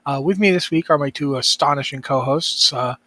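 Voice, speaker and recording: A man's voice: medium pitch, brisk, bright, forceful tone. A male podcast host chatting casually, his speech slightly slurred from a mouth numbed by eating ice cream.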